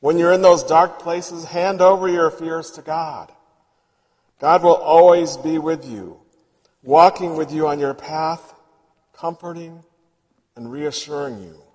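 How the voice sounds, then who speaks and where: A man delivers a sermon at an unhurried, deliberate pace, his voice sitting a little high for a man. He speaks earnestly and reflectively, and his words ring out in a long, reverberant hall. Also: animated, darkish tone. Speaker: preacher.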